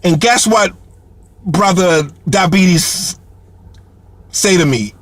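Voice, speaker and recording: Brief: man, high voice, animated comic storyteller, lots of fillers and restarts. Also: slow. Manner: heavy fillers and repeated words; animated, laughs between lines. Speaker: comedian telling a story.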